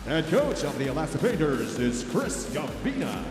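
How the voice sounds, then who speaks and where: A man's voice: on the high side, wildly swooping pitch, moderate pace. A man working as a stadium announcer, calling out team lineups and stretching and belting the names. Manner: draws out and belts players' names. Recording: echoing arena PA with long reverb, music behind.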